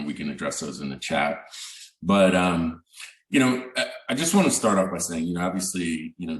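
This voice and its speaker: Deep-voiced man on a roomy video call. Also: recorded from a distance. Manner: conversational, many fillers like "um" and "you know". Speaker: bank representative, panelist. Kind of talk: virtual panel presentation.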